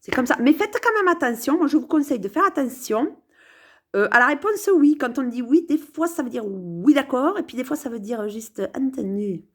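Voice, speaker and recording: Sitting on her sofa at home, a woman vlogger rambles playfully to camera, meandering with frequent hesitations and repeated words. She speaks at normal speed in a high, animated, slightly rough voice.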